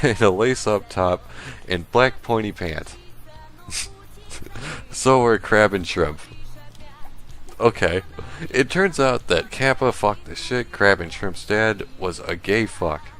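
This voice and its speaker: A man doing a comedic read-aloud of a badly written story, deadpan and halting as he stumbles over the text. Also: on the low side. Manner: slow, halting, deadpan reading broken by laughter. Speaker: stream host reading a fan fiction aloud. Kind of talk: comedic dramatic reading.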